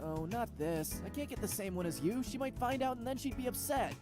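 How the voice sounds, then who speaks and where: A man's voice: very high-pitched, expressive, brisk, over music. An actor voicing a shy, awkward young male pilot student, earnest and bewildered, in a video game.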